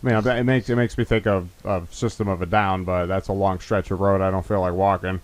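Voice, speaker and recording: A man's voice: low-pitched, fairly even intonation, a little fast. A young man co-hosting a casual movie commentary, rambling and joking with sarcastic asides.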